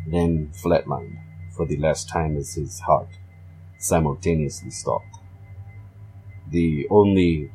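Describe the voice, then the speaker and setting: A man narrating a creepypasta horror story in a put-on Russian accent, steady and grim. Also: extremely low pitch, slightly rough, rough recording.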